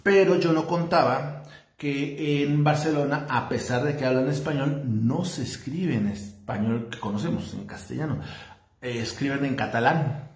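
Brief: Mexican Spanish vlogger, mid-pitched man, rambling chatty delivery, roomy echo. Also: normal speed. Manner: chatty, rambling, tags lines with "¿no?". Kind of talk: casual travel-tips chat.

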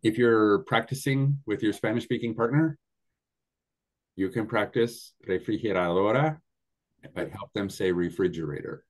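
A man's voice: fairly low pitch, normal speed. A man hosting an online language class on a video call, explaining patiently and moving between two languages.

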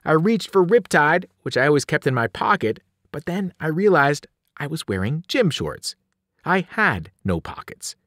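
A man, a teacher, reading a novel aloud in an animated storytelling voice, rising and falling with the action. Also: moderate pace, no room sound, studio quality. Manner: animated storytelling, shifting pitch and loudness with the action. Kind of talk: expressive read-aloud narration.

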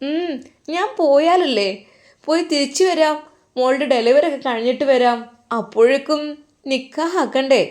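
A woman's voice: sits high, normal speed, pauses often, a little mellow, close to an everyday voice. A woman voicing a doting older mother who coos affectionately.

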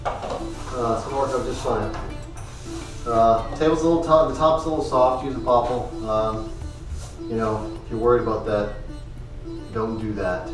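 A man in his thirties casually explaining his woodworking build in a home garage workshop, halting with many ums and uhs. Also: medium pitch, fairly even intonation. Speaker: woodworking vlogger. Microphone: far camera. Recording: echoey garage, voice from far off, music behind.

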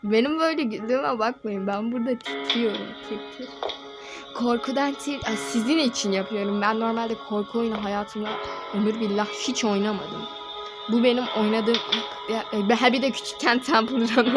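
Young female gaming creator, slightly high voice, chatty and jokey with viewers, loud game music behind. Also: normal speed. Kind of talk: let's-play commentary.

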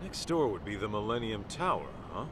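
A man's voice: on the low side, big pitch swings, brisk, background noise. An actor playing a casual, direct middle-aged male detective in a video game dub. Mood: casual, easygoing. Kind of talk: English game dub acting.

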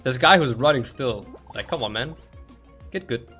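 A man's voice: medium pitch, lively intonation, moderate pace, pushed and bright, faint music behind. A man hosting a gaming session, chatting casually, laughing often and trash-talking other players. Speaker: gaming channel host.

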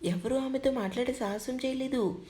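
A woman narrating a drama story with a steady storytelling manner. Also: high-pitched, moderate pace.

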